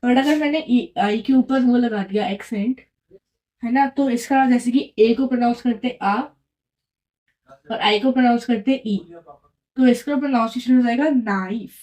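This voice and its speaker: A woman's voice: a little high, normal speed, dark tone. Young woman teaching, repeats herself. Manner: explains patiently, repeats answers as quiz questions. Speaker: French teacher. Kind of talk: casual online lesson.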